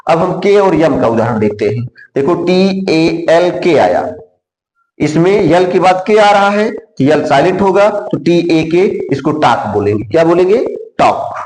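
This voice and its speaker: A man's voice: fairly high pitch, a little mellow. A man teaching a classroom lesson. He asks questions and then answers them himself. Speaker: English teacher. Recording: echoey room.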